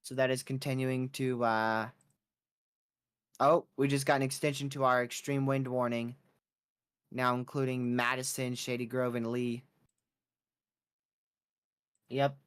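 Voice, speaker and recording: A man's voice: medium pitch, little pitch movement, measured pace, long pauses, a bit bright, clean tone. Man giving casual live storm commentary. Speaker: weather livestream host.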